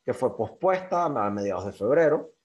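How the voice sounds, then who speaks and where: A man's voice: mid-range voice, big pitch swings, normal speed, a little mellow, dull audio. A man explaining world news in a loose, chatty way, with many fillers and restarts. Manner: loose and conversational, many fillers and self-corrections, frequent "¿ok?". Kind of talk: casual explainer talk.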